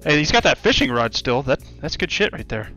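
A man's voice: a little high, brisk, faint music behind, low-quality recording. A man streaming a VR shooter with friends, chatting casually and swearing often over a headset. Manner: relaxed, swears casually, calls out in-game. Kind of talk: casual gaming chat.

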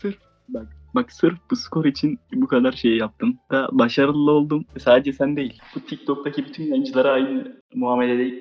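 A man's voice: mid-range voice, normal speed, faint music behind. A teenage boy teasing in a call, giggly and taunting. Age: teen. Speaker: rival player. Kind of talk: mocking call chat. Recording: dull dry lo-fi mic.

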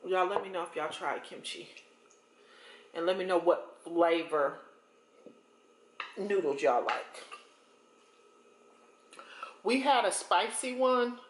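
Young American woman, mukbang host, unhurried and chewing between phrases, in a roomy kitchen with cutlery clinks. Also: on the low side. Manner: chewing and eating while talking, in broken phrases. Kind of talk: casual eating-show chat. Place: home kitchen, indoors. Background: cutlery and dish clinks.

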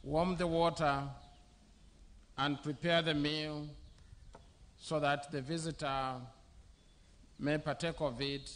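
A middle-aged man from Zambia, a bishop preaching a sermon at a podium microphone in an outdoor covered church venue, speaking in slow, measured short phrases. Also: a little high, flat delivery, a bit bright.

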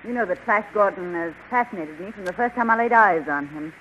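A woman's voice: medium pitch, lively intonation, a little fast, a bit bright, close to an everyday voice. A woman acting an imperious, regal witch queen in a 1930s radio serial, haughty and declamatory. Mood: haughty, confessing. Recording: muffled, hissy 1930s radio recording.

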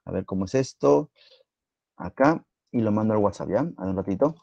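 A man with a Peruvian Spanish accent teaching a live online biology exam-prep class, quizzing students in a playful, teasing way and repeating words rapidly. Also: fairly low pitch, expressive, creaky, mellow, dry recording, dull audio.

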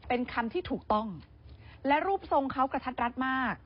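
A woman co-hosts a news show and presents gadgets in a friendly, chatty way. Her voice is husky and sits fairly high. The audio sounds dull and lo-fi. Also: lively intonation, fairly quick. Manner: friendly, demonstrates products. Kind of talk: casual news chat.

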